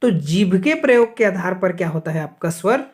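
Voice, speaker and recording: An animated, high-pitched man from Chhattisgarh, India, teaches grammar to exam candidates. Questions get asked and answered by him alone, "okay" comes up often as a check-in, and he slows down to articulate each sound separately.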